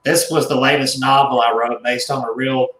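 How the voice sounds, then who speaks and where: A man's voice: mid-range voice, little pitch movement, fairly bright tone. Guy rambling on about his collection, lots of restarts, kinda echoey room, little hiss behind. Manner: rambling, halting with restarts and chuckles. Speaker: guest, haunted doll collector and author. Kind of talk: casual storytelling in radio chat.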